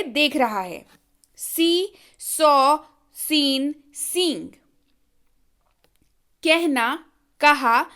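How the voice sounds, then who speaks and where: A woman's voice: high voice, fairly bright tone. A woman teaching a spoken English lesson, reading verb forms aloud one at a time, stressing each, and checking in with the viewer. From India.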